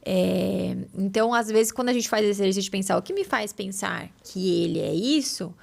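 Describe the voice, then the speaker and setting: Gravelly-voiced Brazilian woman explaining calmly. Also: mid-range voice, moderate pace. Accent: Brazilian Portuguese. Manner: calm, explanatory, frequent affirming backchannels. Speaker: co-host, neuroscience parenting podcast. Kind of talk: casual expert chat.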